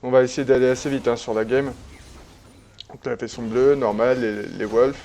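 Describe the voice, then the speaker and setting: With a medium pitch and normal speed, a man gives laid-back, chatty commentary on a replay of his own online game, frequently using fillers and starting over mid-sentence.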